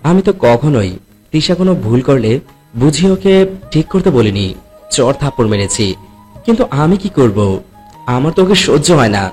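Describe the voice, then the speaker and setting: A man's voice: medium pitch, very animated, normal speed, pauses often, a little mellow, soft background music, natural voice. A man playing a hot-tempered, scolding young man. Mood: brooding. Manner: curt, scolding. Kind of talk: audio drama acting.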